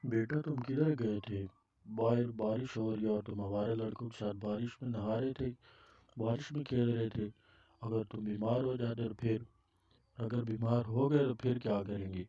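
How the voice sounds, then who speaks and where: A man's voice: fairly low pitch, fairly even intonation, mellow, dry recording, close to an everyday voice. A man voicing a worried father in a cartoon story, questioning his son. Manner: questioning, worrying. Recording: dull lo-fi dry recording.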